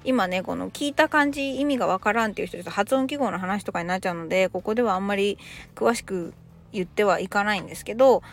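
A woman's voice: mid-range voice, fast. A woman in her thirties from Japan, giving a chatty podcast English lesson with casual explanations. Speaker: English teacher.

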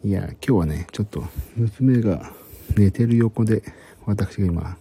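A middle-aged man speaking in a hushed, husky half-whisper, chatting casually and haltingly to live stream viewers. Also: fairly low pitch. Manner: rambling, hesitant, searching for words. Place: at home in a room beside a sleeping child.

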